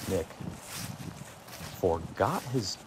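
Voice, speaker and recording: A man giving low-key, measured golf commentary, calling the play shot by shot. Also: expressive, very noisy.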